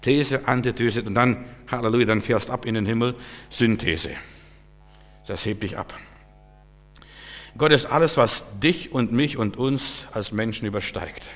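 A man preaching a sermon with fervent, repetitive phrasing that climbs to loud, emphatic peaks. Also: mid-range voice, measured pace, long pauses. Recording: long hall reverb.

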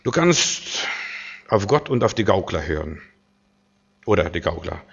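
A man preaching a sermon, emphatic and full of rhetorical questions, moving between loud declarations and quiet asides. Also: sits low, very animated, unhurried, vocal fry, slightly rough, muffled recording.

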